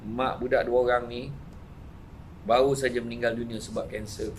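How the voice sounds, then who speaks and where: A man with a Malaysian Malay accent voicing a soft-spoken grieving father who speaks in a hushed, apologetic way during a story. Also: mid-range voice, flat delivery, moderate pace, slight background noise, pitched below the performer's own voice, lightly acted.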